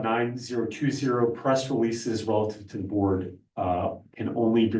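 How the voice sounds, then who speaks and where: Low-voiced man briefing a board, echoey. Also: darkish tone. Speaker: lawyer briefing a school board. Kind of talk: informal legal training presentation. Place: public board meeting room. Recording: echoey meeting room, far from mic.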